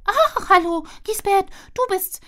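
Woman doing a squeaky, fretful little squirrel girl. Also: expressive, bright, forceful tone, exaggerated voice. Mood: surprised. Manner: high, squeaky and wailing, drawn-out sighs. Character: scatterbrained fretful female squirrel.

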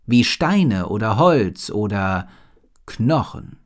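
A man reading a storybook and voicing a worried, wise female head sorceress who speaks slowly and gravely. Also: lowish voice, very animated.

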